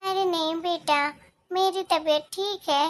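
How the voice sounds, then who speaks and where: A woman voicing a gentle, worried middle-aged mother in a cartoon story, speaking in a soft, reassuring, explaining way. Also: extremely high pitch, steady tone, measured pace.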